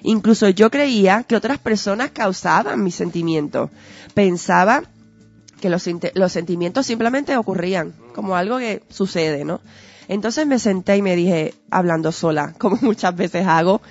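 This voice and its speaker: An earnest woman with a mid-range voice talks as a guest at a moderate pace, guiding her explanations with rhetorical questions like a patient teacher. The audio is dull and lo-fi, with faint music underneath.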